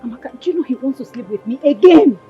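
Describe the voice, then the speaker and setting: A woman's voice: sits high, lively intonation, husky, heavily acted. An actress playing a frantic, angry young village woman, stammering as she vents. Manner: agitated, talks fast, stammers. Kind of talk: Nollywood film acting. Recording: dull film audio under music. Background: film score.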